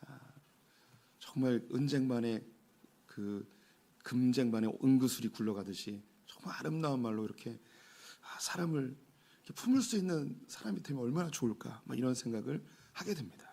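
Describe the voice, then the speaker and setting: A middle-aged male pastor delivers a sermon in a church sanctuary. His voice is husky, and he sits at a middle pitch for a man. He tells stories between points and keeps slipping in short affirming asides. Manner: warm storytelling with frequent "예" asides.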